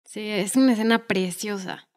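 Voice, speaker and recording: A woman's voice: medium pitch, normal speed. A woman co-hosting a podcast, chatting casually and retelling film scenes with many fillers. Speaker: podcast co-host.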